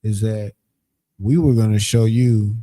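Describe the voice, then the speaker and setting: A man with a low, mellow voice leads a livestreamed language lesson. He talks slowly and casually, stopping often to fill gaps with ums as he works through his explanations. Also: steady tone. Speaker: Hebrew language teacher. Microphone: streaming setup, screen sharing.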